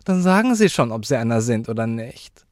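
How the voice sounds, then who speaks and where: A man's voice: mid-range voice, very animated, a little fast, no room sound, studio quality, pitched above the performer's own voice, lightly acted. A man putting on a cheeky foul-mouthed girl. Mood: defiant. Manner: loud, blunt, defiant.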